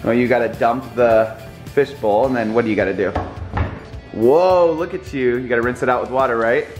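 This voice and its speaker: A man's voice: medium pitch, fairly quick, a little mellow. A young man filming a casual family vlog at home, talking to the viewers and his kids with a playful manner and frequent laughs. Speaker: family vlogger. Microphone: handheld camera at arm's length. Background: background music.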